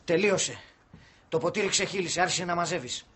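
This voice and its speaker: An actor playing a fed-up young man who scolds and throws out his flatmate in a sitcom. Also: high-pitched, slight background noise. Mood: furious. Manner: scolding, explosive shouts. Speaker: angry flatmate. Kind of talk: sitcom acting.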